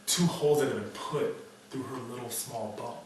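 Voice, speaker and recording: A man's voice: medium pitch, normal speed, natural voice. A man playing a cynical, world-weary private investigator, muttering a bleak noir monologue in a brooding storytelling manner. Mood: somber. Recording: echoey room, distant mic, faint noise.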